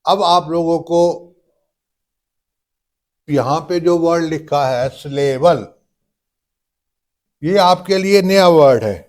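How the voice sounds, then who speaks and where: Slow, high-voiced grammar teacher. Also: male voice, a little mellow. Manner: slow, drawn-out word-by-word dictation, addresses students as beta. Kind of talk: classroom grammar lesson.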